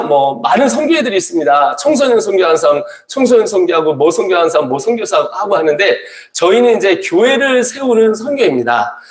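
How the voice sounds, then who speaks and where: A man in his forties, a missionary giving a joking talk at a church gathering, quizzing the audience and slipping into English. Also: high-pitched. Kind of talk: humorous church talk to a crowd. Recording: echoey hall.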